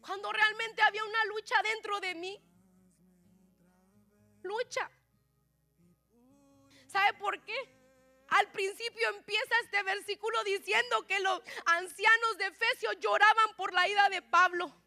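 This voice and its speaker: A woman preaches a fervent sermon in a church. Her voice sits extremely high and rings sharp and piercing. Faint music plays softly behind her. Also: steady tone, measured pace, long pauses, no echo. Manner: impassioned, keeps addressing listeners as "my brother". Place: church sanctuary.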